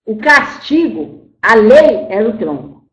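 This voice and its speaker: A woman's voice: fairly high pitch, sing-song, slow pace. A woman voicing the spirit of an old, once-enslaved grandmother. In a channeled spiritual talk, she scolds her listeners and calls them "my child". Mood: mournful telling. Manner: storytelling, repeats "my child", scolds then grieves. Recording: roomy echo.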